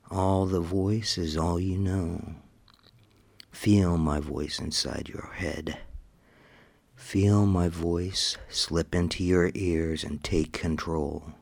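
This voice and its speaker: A man's voice: low voice, a little mellow. A man leading a scripted hypnosis session in a commanding, hypnotic manner, slipping into whispers at times.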